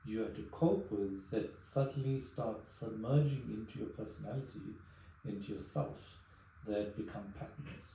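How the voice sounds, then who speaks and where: A man speaking as a therapist, calm and reassuring in a supportive conversation. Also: lowish voice, moderate pace, creaky, slight background noise. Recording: very echoey room, distant mic.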